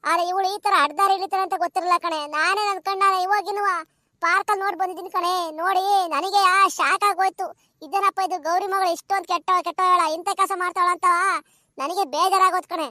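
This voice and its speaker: A woman voicing a scolding, gossiping village grandmother in a cartoon, talking in a fast, nagging, dramatic way. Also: extremely high pitch, fairly even intonation, pushed and bright, no room sound, studio quality. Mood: scandalized.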